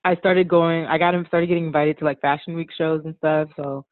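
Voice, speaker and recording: A woman's voice: low voice, fairly quick, dry recording. Woman guest, DC-area native, casual and talkative, heard over a thin dry phone-quality line. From Washington DC area, USA. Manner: relaxed, chatty, frequent "like" and "um", laughs often. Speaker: guest, costume designer. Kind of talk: casual conversational interview.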